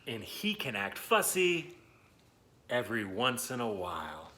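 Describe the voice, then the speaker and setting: Speaking a little slowly with big pitch swings, this children's story host has a medium, pushed, bright voice, and there's a bit of hiss or hum. He reads and talks directly to young children, encouraging and excited, stretching words for emphasis.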